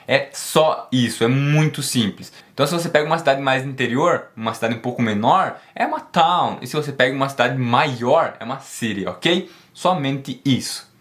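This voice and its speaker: A man teaching an online English lesson, emphatic and encouraging, drilling words slowly and repeating them. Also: medium pitch, fairly bright tone.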